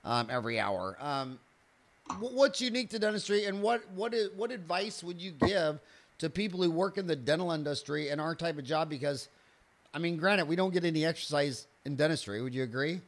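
A man's voice: a little high, animated, brisk. A man in his fifties hosting a podcast interview, asking long, rambling conversational questions. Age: 50s. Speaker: podcast host.

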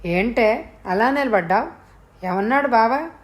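A woman voicing a scolding middle-aged village aunt with a sharp way of talking. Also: a little high, expressive, measured pace.

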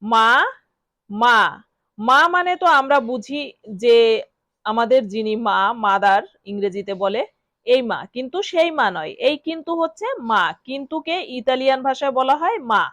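A woman with a Bengali accent, teaching a vocabulary lesson and repeating each word slowly for learners to copy. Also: sits high, expressive, a bit bright, no echo. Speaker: language teacher. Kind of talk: instructional lesson.

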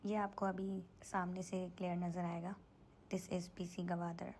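A woman's voice: lowish voice, little pitch movement, a little slow, darkish tone, a little hiss or hum. A woman narrating her own travel vlog, pointing out the sights to her viewers along the way. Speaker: travel vlogger.

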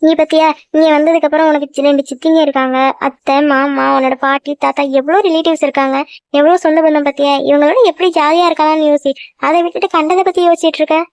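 A woman's voice: high-pitched, steady tone, quick pace, a little mellow, no echo. A woman voicing all the village women and girls in a family cartoon, in chatty, emotional talk. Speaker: cartoon voice artist. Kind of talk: one voice for every cartoon figure. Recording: dull dry sound.

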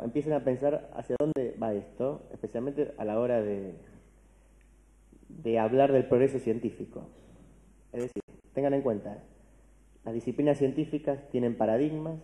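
An Argentine man lectures on philosophy to a large audience, his voice very dark and mellow. He talks in a loose, conversational way, asking "¿no?" after his points and restarting words as he goes. A long reverb from a big hall trails each phrase. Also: mid-range voice, moderate pace. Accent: Argentine Spanish.

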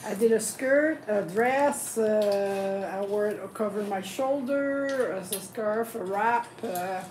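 Woman team member, slow listing, echoey and noisy room. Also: mid-range voice, a little mellow. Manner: unhurried, lists things off. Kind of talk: casual chat. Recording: roomy, distant mic, noisy.

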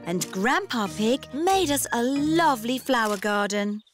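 A woman voicing a gentle, patient mother pig in a children's cartoon, speaking calmly. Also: a little high, unhurried, over loud music. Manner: calm, kindly storytelling tone. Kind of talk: cartoon voice acting.

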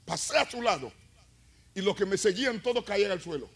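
High-voiced preaching man, building to shouts. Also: lively intonation, a little fast, slightly rough. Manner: preaching with rising, shouted climaxes and call-and-response. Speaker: evangelist. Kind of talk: sermon. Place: church.

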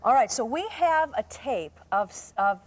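A woman's voice: a little high, animated. A woman hosting a live educational program, asking short questions and encouraging her guests. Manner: encouraging, asks short questions and gives quick acknowledgments. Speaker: program host.

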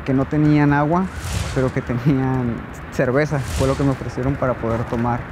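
A man, answering interview questions outdoors in a calm, measured way, often repeating words as he thinks. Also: medium pitch, background noise. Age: 30s. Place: outdoors at dusk near a border fence. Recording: music bed under the speech.

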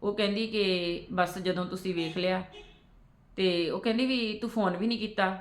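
A woman's voice: medium pitch, moderate pace, roomy sound. A woman telling a family story aloud, with frequent "she says" tags in a chatty way. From Punjab. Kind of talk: spoken storytelling with quoted dialogue.

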